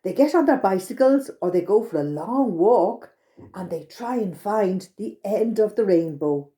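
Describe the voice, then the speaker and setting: An Irish woman runs a library storytime, leading songs and exercises and speaking simply and encouragingly straight to the children. Her mid-range voice is animated and dark in tone, with a measured pace.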